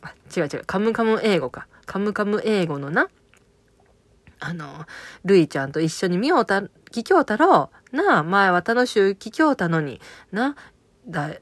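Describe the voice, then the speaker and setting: A woman's voice: lowish voice, no echo. Chatty woman with an Okayama accent. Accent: Okayama dialect of Japanese. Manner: chatty, rambling, many fillers and self-corrections. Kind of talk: casual spoken recap of a TV drama.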